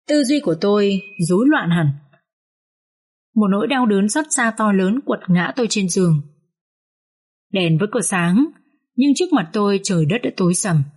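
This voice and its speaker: A woman reads a psychological story aloud in the first person. Her telling is slow and sorrowful, at a middle pitch for a woman. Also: animated, a little mellow, husky. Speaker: audiobook reader. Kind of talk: expressive story narration.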